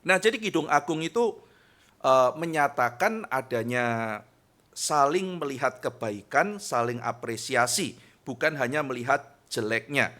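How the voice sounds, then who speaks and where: A male pastor preaching a sermon to a youth service. He is lively and conversational, often addresses the listeners as brothers and sisters, and acts out quarrels between spouses. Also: medium pitch, unhurried.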